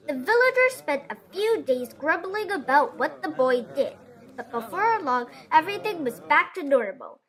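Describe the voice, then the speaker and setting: A woman storyteller reads a children's book aloud in a high, bright voice. Her intonation swings widely and energetically, giving the narration lots of expression.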